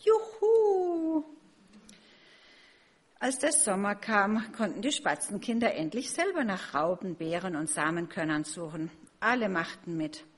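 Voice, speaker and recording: A woman's voice: on the low side, animated, moderate pace, fairly bright tone, husky. A woman reading a children's story aloud at a family church service, friendly and chatty with the kids.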